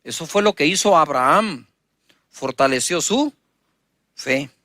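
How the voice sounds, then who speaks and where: A man's voice: fairly high pitch, animated, unhurried, no echo, studio quality. Man preaching a dramatic sermon. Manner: dramatic preaching, reading scripture aloud and retelling it; wide swings in loudness and emphasis. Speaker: pastor.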